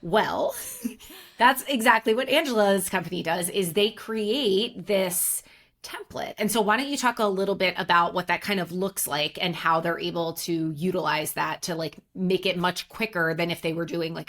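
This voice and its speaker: A woman's voice: on the low side, normal speed, fairly bright tone. A woman with a scratchy voice co-hosting a podcast, interviewing in a chatty, friendly way. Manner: chatty, friendly, lots of fillers.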